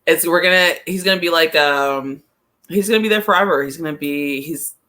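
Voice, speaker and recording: A woman with a low, bright, forceful voice speaks a little fast as a guest on a sports podcast. She's a soccer pundit sharing her views in a casual, hesitant way, often repeating her phrases.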